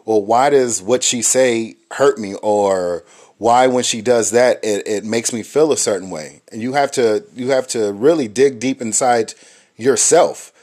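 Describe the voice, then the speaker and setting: A man's voice: mid-range voice, unhurried, a little mellow. A man co-hosting a talk about marriage, speaking thoughtfully with frequent ums and restarts. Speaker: married co-host. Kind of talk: reflective casual talk.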